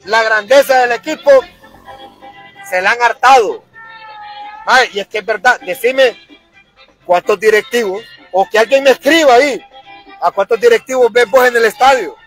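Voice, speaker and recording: A man's voice: very high-pitched, moderate pace, pauses often, a bit bright, faint music behind, rough recording. A man with a Honduran accent ranting as a football fan vlogger, fired-up and crude, repeating himself. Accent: Honduran Spanish. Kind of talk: angry fan rant to camera.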